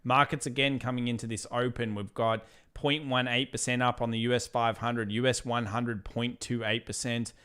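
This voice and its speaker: Hosting a live market analysis stream, an Australian man speaks at normal speed with hardly any pauses, in a flat, mid-range voice that is clean and fairly bright. The trading channel host rambles casually, reads out viewer questions, and is wearing out his voice after hours of talk.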